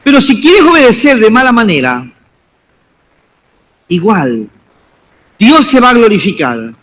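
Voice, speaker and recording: Pastor guy preaching, real high voice, big swings up and down, keeps calling them brother. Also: wildly swooping pitch, measured pace, fairly bright tone. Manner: preaching with repeated, rising exhortations; addresses the congregation as brother. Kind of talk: sermon.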